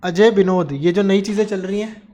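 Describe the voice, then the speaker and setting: A man's voice: high voice, fairly even intonation, fairly quick, dark tone. Male teacher quizzing his class. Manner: asks questions and answers them himself; mixes Hindi with English terms. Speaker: commerce teacher. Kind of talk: classroom lecture.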